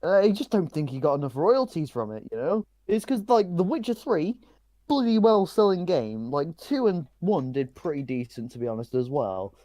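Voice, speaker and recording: A man trading casual banter on a podcast, giggling and tripping over his own restarts. His pitch swings up and down a lot, and his tone is soft and mellow. The sound is close and dry. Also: big pitch swings, normal speed, no room sound. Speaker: podcast co-host.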